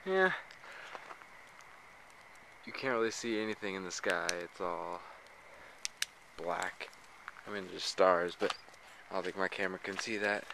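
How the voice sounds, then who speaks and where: Low-voiced man vlogging at a campsite. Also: expressive, a little slow, pauses often. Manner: rambling, offhand chat to camera. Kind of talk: casual camping vlog. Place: empty lakeside campground outdoors at night. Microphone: handheld camera mic. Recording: outdoor night noise and frogs. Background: croaking frogs.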